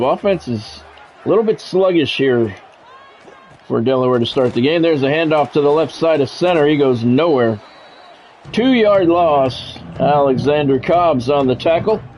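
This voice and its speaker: In clipped, practiced announcer phrases interspersed with casual, offhand remarks, a man calls a football video game live while streaming. He has a medium-pitched voice with a darkish tone. Faint background noise accompanies the dull lo-fi sound.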